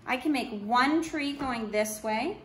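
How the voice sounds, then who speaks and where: Indoors at a wooden table, a middle-aged woman demonstrating a craft as an art teacher gives children simple step-by-step instructions, unhurried and in short phrases, as she works with her hands. Her voice is high-pitched and fairly bright. Faint background noise and roomy echo come through a camera a couple of meters away.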